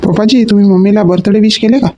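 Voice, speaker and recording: An actor playing a grown son at home in a comedy sketch, pleading and repeating words. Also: male voice, high-pitched, quick pace, warm tone, soft background music, natural voice. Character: grown sons at home, eager and scheming. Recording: dull lo-fi recording with faint noise.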